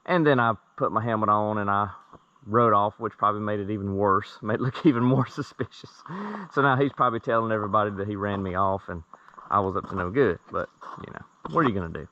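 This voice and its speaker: A man talking casually to camera at home, rambling and easygoing, often trailing off into quiet asides. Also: lowish voice, fast talker, dull audio. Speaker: vlogger. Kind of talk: casual video outro. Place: at home after a ride.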